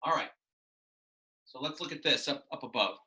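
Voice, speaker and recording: A man's voice: medium pitch, normal speed, pushed and bright, poor audio. A man in his thirties teaching a math class online from a small room at a whiteboard, patiently asking questions and explaining step by step.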